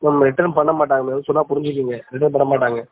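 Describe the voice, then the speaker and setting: A man's voice: mid-range voice, fairly even intonation, racing, no echo. A man on a phone call, dismissive and curt, brushing off her pleas with "remember that" and "madam". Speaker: scheme recruiter on a phone call. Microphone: phone call recording. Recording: dry, tinny phone line.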